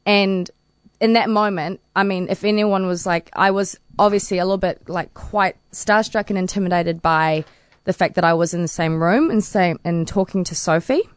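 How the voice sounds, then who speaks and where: Chatty New woman, low voice. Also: moderate pace, smooth, no room sound, clean studio sound. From New Zealand. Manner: chatty, laughs often. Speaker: interview guest, para swimmer. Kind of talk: casual interview answers.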